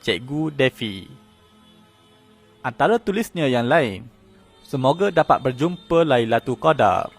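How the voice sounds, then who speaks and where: A man delivers a scripted news report in a steady, even tone. His voice sits at a middle pitch, and faint music plays beneath it. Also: measured pace, long pauses. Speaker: narrator.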